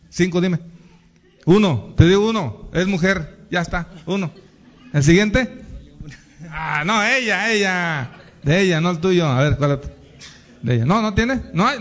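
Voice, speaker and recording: A high-voiced man leading a sermon, teasing couples and throwing questions at the crowd. The recording sounds dull and low-fidelity. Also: a bit bright. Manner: teasing, playful, asks the congregation questions. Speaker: preacher. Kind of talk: lively sermon with audience questions.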